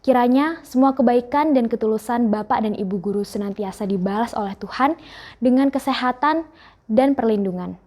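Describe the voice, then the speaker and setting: A teenage girl giving a formal farewell speech on behalf of her class, in a measured, earnest delivery. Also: a little high, mellow. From Indonesia. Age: teens. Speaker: student speaker.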